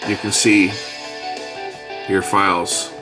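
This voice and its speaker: Over music, a middle-aged product reviewer speaks in a deep, flat voice during a casual hands-on demo indoors at a workbench. Unhurried, he presses buttons and thinks aloud, guiding himself through the menus.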